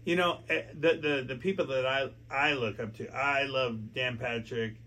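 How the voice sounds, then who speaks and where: A man's voice: medium pitch, steady tone, moderate pace, pushed and bright. An American man who has been drinking, hosting a casual sports chat, emphatic and repetitive, stumbling over his words. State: drunk. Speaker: sports talk show host. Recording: clear background noise.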